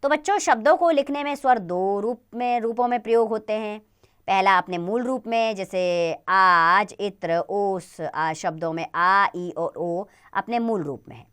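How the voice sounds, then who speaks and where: A woman teaching a grammar lesson to children, spelling out sounds slowly and deliberately. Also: medium pitch.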